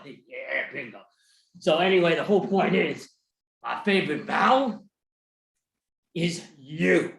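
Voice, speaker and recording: A performer putting on a laid-back, slangy Cupid voice, drifting into quiet asides, recorded in an echoey room. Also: medium pitch, vocal fry. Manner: drawls slangy lines, trails off into quiet asides. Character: smooth low-talking Cupid, laid-back love god.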